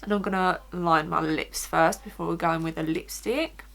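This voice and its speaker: A woman's voice: fairly low pitch, steady tone, moderate pace, vocal fry, fairly bright tone. A woman with an Essex accent talking informally through a casual makeup tutorial as a beauty vlogger, often saying "like". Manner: informal, chatty, frequent "like".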